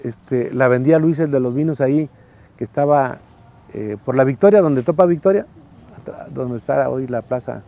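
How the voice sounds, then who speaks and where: A man's voice: mid-range voice, moderate pace, gravelly, warm tone, dull audio. A Mexican man in his sixties with a Mexican accent, telling colloquial anecdotes in an interview with frequent tag questions. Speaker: interviewee, architect and former faculty director. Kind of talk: casual interview storytelling.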